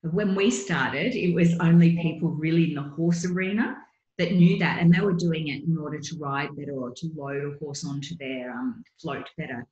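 Woman, middle-aged, lowish voice, earnest, chatty, echoey room. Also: moderate pace, darkish tone, muffled recording. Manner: earnest, chatty, many fillers. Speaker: guest, horse coach. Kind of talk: casual interview storytelling.

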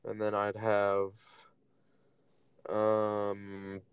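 A young man co-hosting a podcast in casual, profane banter, quick-tempered and sarcastic, snapping at his friend. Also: on the low side, monotone, smooth, no echo. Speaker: podcast co-host.

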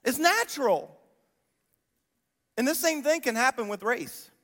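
High-voiced man preaching in a reverberant hall. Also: a little slow. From Columbus, Ohio. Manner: animated storytelling, rhetorical questions to the audience. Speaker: pastor. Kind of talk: sermon.

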